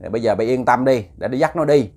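A stern old woman's spirit speaks through a possessed woman in a storytelling tale, as a male narrator puts her on. She scolds bluntly and loudly, with a Southern Vietnamese accent and a voice pitched higher than the teller's own. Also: expressive, quick pace.

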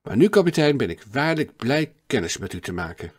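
A man's voice: mid-range voice, a little fast. A man playing a talkative, absent-minded French professor in a read-aloud storybook, hopping from topic to topic. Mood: eager chatter. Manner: chatty, jumps from topic to topic, excited questions.

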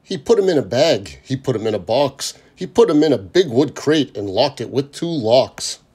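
Expressive and storytelling in style, a man reads a children's picture book aloud at a moderate pace, his medium-pitched voice carrying a breathy edge.

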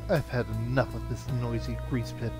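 A man's voice: medium pitch, fairly even intonation, a little fast, voice pushed down, natural voice. A man reading aloud the lines of a haughty, scheming female pirate queen villain from a video game, with game music playing behind. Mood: scornful.

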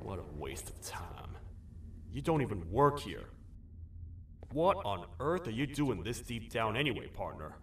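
A gruff toad sheriff from a video game, speaks in a fairly low, swinging voice. He is stern, wry and dutiful, a folksy lawman. The voice sits a little away from the mic with music behind it. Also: big pitch swings, a little slow, a bit bright, far from the mic, slight background noise, exaggerated voice. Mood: gruff, wary. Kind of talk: video game character acting.

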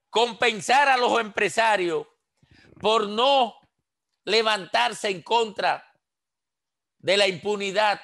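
Rhetorical questions pour out of this man in his sixties, a political commentator from the Dominican Republic speaking on a radio panel by headset over a video call. He is in a small room, and his high, fairly bright voice carries emphatic, impassioned points as he gestures.

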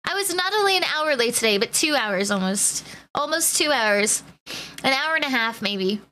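A woman live streamer chats casually with her viewers in a bubbly way, greeting each by turn. Her voice sits high and sounds bright. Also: animated, moderate pace. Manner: bubbly, greets viewers one by one, laughs often.

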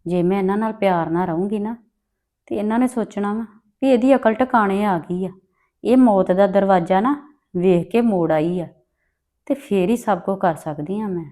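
In an amateur village family drama, a woman with a Punjabi accent plays a resentful young daughter-in-law. Her high, brisk voice snaps out sharp, scornful retorts, then drops into low, muttered scheming.

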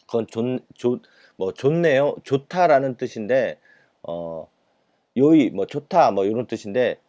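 A man's voice: mid-range voice, animated, unhurried, dark tone, dry recording. A man teaching Japanese in a recorded lecture, explaining patiently with many fillers and repeated words. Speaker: Japanese language instructor.

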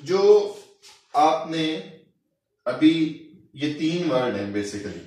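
Male language tutor, slow drilling delivery, mic set far off. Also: mid-range voice, expressive. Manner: slow, deliberate, repeats each syllable for drilling. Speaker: Chinese language teacher. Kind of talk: recorded language lecture. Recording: very echoey room, mic far off.

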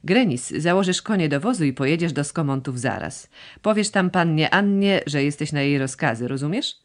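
A woman's voice: sits low, lively intonation, moderate pace. Woman voicing a cold, curt giant of a man. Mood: commanding. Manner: curt, blunt questions.

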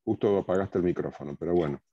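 A man hosting a book club video call, calling on each guest by name in a relaxed, welcoming way. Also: low-pitched, quick pace, husky. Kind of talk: online meeting introductions. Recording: dull dry video-call audio.

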